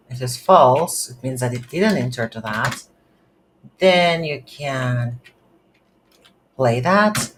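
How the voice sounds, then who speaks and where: The clip is unscripted narration for a screen-recorded game development tutorial, delivered slowly by a medium-pitched instructor. He or she sounds hesitant, working things out aloud in brief phrases over faint background noise.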